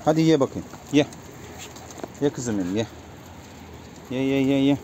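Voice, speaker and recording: A man with a mellow, medium-pitched voice and lively intonation talks at normal speed in a casual vlog from his pigeon coop, calling to his birds over and over to coax them. Pigeons coo behind him, with slight background noise.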